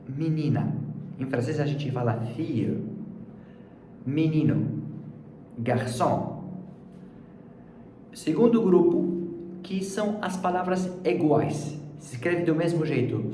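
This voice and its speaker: A man teaching a language lesson as a French teacher, speaking slowly and deliberately and repeating words for the learner. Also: fairly high pitch, animated. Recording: echoey room, distant mic, faint background noise.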